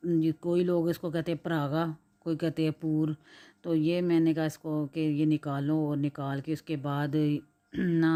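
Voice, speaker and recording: A woman in her forties from Pakistan with a Punjabi accent, chatting casually in a home cooking vlog, hoarse with a sore throat and flu and clearing her throat often. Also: sits low, warm tone. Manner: rambling, mixes in Punjabi, frequent throat clearing. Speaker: cooking vlogger.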